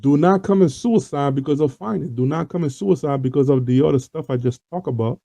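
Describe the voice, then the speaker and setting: With a fairly high, dark-toned voice, vocal fry, and a slightly fast pace, a Haitian-accented man from Haiti hosts an online talk show. He speaks earnestly to viewers in a casual monologue full of fillers and repetitions, recorded in dull, dry lo-fi without echo.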